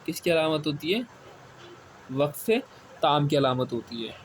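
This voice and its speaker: A Quran reading teacher with a fairly high voice gives a patient, step-by-step classroom lecture, repeating each point. He asks questions and answers them himself, saying key words slowly, with a faint hiss in the background.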